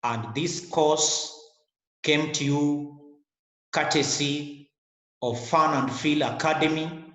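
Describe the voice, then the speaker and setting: This middle-aged man, whose first language is a Kenyan language, gives an online lecture to a webcam in Kenyan-accented English. His fairly high, slightly bright voice moves at a slow pace, earnest and repetitive, echoing around a small indoor room.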